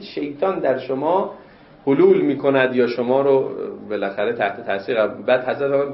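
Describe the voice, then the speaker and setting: A man's voice: medium pitch, creaky, a little hiss or hum. A man teaching religious law in a classroom lecture. He explains texts and pushes his voice up sharply to stress his questions. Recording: roomy, dull lo-fi lecture recording.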